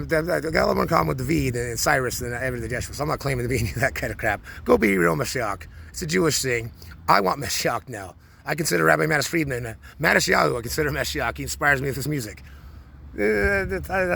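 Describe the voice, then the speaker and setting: A man's voice: medium pitch, vocal fry, pushed and bright, a little hiss or hum. A man in his forties talking through a rambling personal monologue, full of restarts and repeated words. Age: 40s. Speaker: vlogger.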